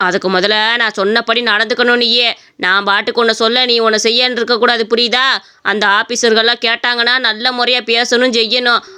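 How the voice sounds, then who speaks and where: A woman's voice: on the high side, little pitch movement, brisk, pushed and bright, smooth. A woman doing a bossy lecturing man. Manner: scolding, lecturing. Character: bossy middle-aged man promising a job. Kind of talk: cartoon voice acting.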